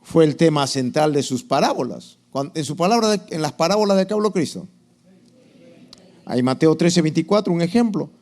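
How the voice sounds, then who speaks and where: Male preacher, lively sermon delivery, quizzes the congregation. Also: fairly high pitch, normal speed. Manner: asks the congregation questions, acts out quotes. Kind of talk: sermon lesson.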